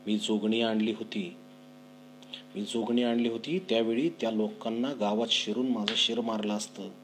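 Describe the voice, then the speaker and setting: A man playing a stern, proud village headman scolding his son forcefully. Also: on the low side, level tone, moderate pace, a little hiss or hum, lightly acted, rough recording.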